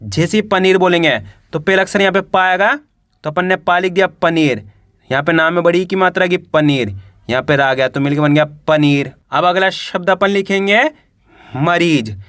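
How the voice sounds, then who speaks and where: A man's voice: high voice, normal speed, a bit bright, clear, resonant tone, dry recording, studio quality. A man teaching a beginner reading lesson, sounding out words one syllable at a time and repeating each word with a prompt. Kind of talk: step-by-step phonics lesson.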